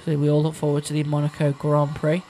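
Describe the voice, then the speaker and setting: A man with a fairly high-pitched voice co-commentates on motorsport. His style is casual and amateur, like chatting through the race with a partner. Faint noise sits on the recording. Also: completely flat delivery, fast talker, mellow.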